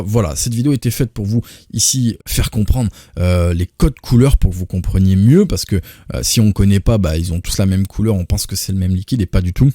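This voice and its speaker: A man's voice: lowish voice, warm tone, dry recording, clean studio sound. A man from France casually explaining products on his channel, with many hesitations and fillers. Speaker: product presenter.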